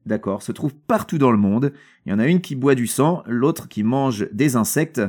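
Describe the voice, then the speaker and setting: A man's voice: medium pitch, lively intonation, moderate pace, darkish tone, breathy edge. A man co-hosting a casual podcast about a novel, joking and rambling with many fillers. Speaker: podcast co-host. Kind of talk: casual book discussion.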